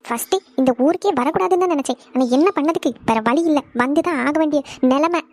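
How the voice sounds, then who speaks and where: A woman's voice: high-pitched, quick pace, a little mellow. A woman voicing a bitter, grieving middle-aged mother in a cartoon, harsh and contemptuous. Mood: scornful. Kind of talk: cartoon voice acting.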